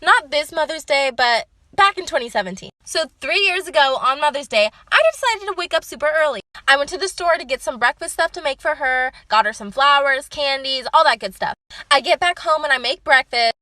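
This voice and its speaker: A young woman rattles through a casual story time with lively, emphatic delivery and plenty of swearing. Her voice sits high and sounds bright and forceful. The recording is close and dry. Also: brisk, no room sound.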